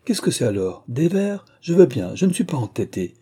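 A man voicing a quick-witted, mischievous young princess who teases her family playfully. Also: mid-range voice, very animated, dark tone, slightly rough, pitched above the performer's own voice. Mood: teasing. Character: teasing, chattering young princess girl.

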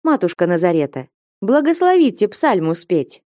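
A woman voicing a calm, accommodating male church singer in a storybook reading. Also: medium pitch, normal speed, no echo, studio quality, lightly acted. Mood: mild.

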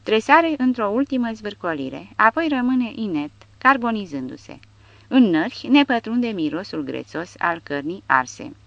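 A woman narrating an audiobook in a steady, measured reading. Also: lowish voice, dull audio.

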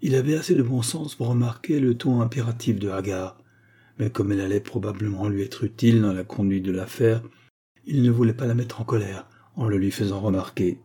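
A male narrator reads a novel aloud in steady, even narration. His voice is low and dark, with a slightly husky, breathy edge. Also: brisk. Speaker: audiobook narrator. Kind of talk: scripted audiobook narration.

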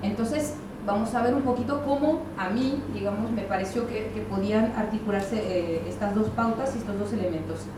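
Speaking in a mid-range voice at a moderate pace with few pauses, a woman from France delivers an academic lecture in Spanish to an audience. Her accent mixes French and Spanish, touched by Buenos Aires, and she's hesitant, full of fillers and wry remarks. It's captured from a distance in a big lecture hall that echoes, with audible room noise.

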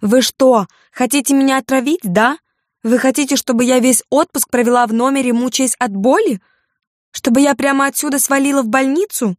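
A woman voicing a fussy, always displeased female guest with a squeaky, creaking voice and a scolding manner. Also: fairly quick, no echo, studio quality, lightly acted. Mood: indignant scolding. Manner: scolding, shrill and indignant.

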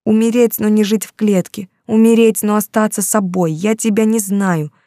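A woman's voice: medium pitch, steady tone, moderate pace, mellow, dry recording, clean studio sound, pitched above the performer's own voice, lightly acted. A woman voicing a desperate young heroine who longs for freedom and pleads in a raised, tearful voice. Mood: anguished.

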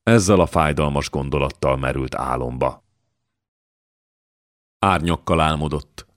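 A man reading a historical novel aloud, measured and even, on a close mic. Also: rumbling low, no echo. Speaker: audiobook reader. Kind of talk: scripted narration of a historical novel.

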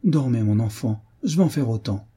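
A man's voice: mid-range voice, lively intonation, normal speed, dark tone, husky. A man reading aloud voices a frightened, proud young woman in a novel, raising his voice a little. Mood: shaken. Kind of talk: scripted narration of a novel.

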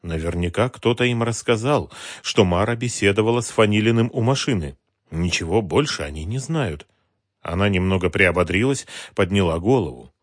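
A man reads an audiobook in a low voice with lively, wide-ranging pitch. The recording is close and dry, with no room sound. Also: normal speed, no echo. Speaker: audiobook narrator. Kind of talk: scripted narration.

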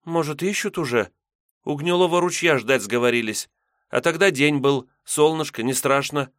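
A man's voice: on the high side, normal speed, fairly bright tone, no echo, clean studio sound, pitched above the performer's own voice, close to an everyday voice. Man voicing a timid young peasant girl. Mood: fearful. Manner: fearful, pleading. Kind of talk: audiobook character voice.

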